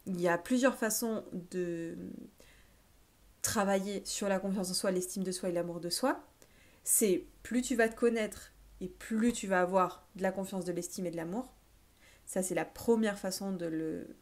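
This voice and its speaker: A woman life coach talking straight to her viewer in an informal self-help video, pausing often on fillers as she explains. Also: medium pitch, a little mellow. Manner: informal, addresses the listener as tu, many filler pauses.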